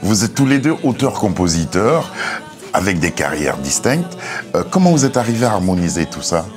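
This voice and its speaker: A man hosting a TV interview in a studio, asking questions and giving steady agreeing replies. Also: on the low side, moderate pace, soft background music. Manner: affirming, frequent backchannel "ouais". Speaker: TV journalist host.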